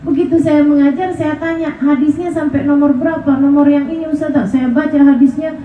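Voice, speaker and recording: A woman's voice: high voice, steady tone, a little fast, a little hiss or hum. A woman preacher giving a sermon, telling her own stories and acting out the dialogue with her husband. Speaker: ustazah, Islamic preacher. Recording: echoey distant mic, lo-fi phone-like sound.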